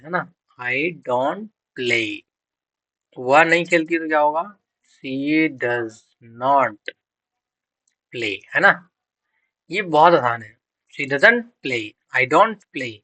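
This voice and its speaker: A man's voice: on the high side, bright, forceful tone, no echo, rough recording. A man teaching English grammar for exam prep. He quizzes students, answers his own questions and spells out words letter by letter.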